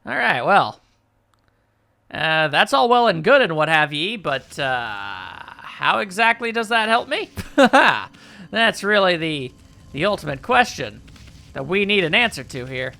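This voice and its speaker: A man's voice: sits high, big pitch swings, a little slow, creaky, bright, forceful tone. A man playing a video game and giving casual, joking commentary, wry and rambling as he thinks aloud. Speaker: video game let's player.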